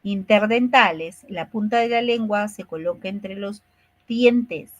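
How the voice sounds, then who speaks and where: A Peruvian woman gives a speech therapy lecture in a patient, explanatory way, checking in with her listeners after almost every point. Her voice sits at a middling pitch for a woman. The sound is dry and close, with almost no room echo. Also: measured pace. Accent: Peruvian Spanish. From Peru. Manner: explanatory, checks in with frequent tag questions. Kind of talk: online lecture.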